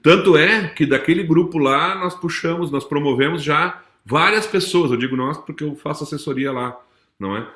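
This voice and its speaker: A man's voice: fairly high pitch, normal speed, sharp tone. A man, a speaker and business consultant giving a live talk to a corporate audience, emphatic and repetitive, ending lines with tag questions. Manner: emphatic, repeats phrases, tags lines with "certo?" and "não é?". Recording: echoey room.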